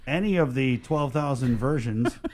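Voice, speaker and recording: A man's voice: mid-range voice, normal speed, a little mellow, a little hiss or hum. A man hosting a radio talk show, upbeat and joking, laughing along with his guests. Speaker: radio host.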